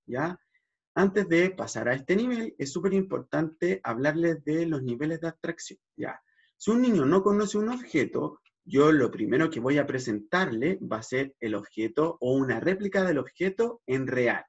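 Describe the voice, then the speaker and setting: A man's voice: mid-range voice, gravelly, breathy edge. A man, a speech therapist, explaining vowel gestures in a lesson, checking in often and demonstrating sounds with exaggerated articulation. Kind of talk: educational explanation. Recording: dull lo-fi recording.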